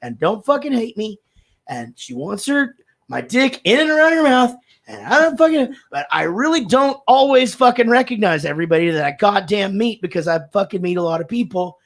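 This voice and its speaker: Animated profane dad telling stories. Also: male voice, high-pitched, brisk. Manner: animated storyteller, doing voices in quotes. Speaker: podcast co-host, father of three. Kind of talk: profane casual chat.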